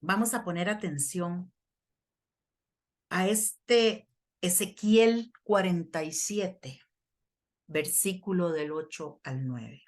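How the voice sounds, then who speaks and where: A woman's voice: on the low side, slow, long pauses. A middle-aged woman from Costa Rica preaching earnestly at a prayer workshop and reading scripture aloud. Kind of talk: sermon.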